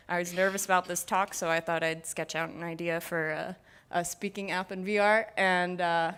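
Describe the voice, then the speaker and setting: A woman's voice: mid-range voice, a bit bright, clear, resonant tone. Young woman giving a casual tech talk. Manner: casual, filler-heavy, many "like"s. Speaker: conference speaker, VR prototyper. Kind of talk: conference talk. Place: conference stage.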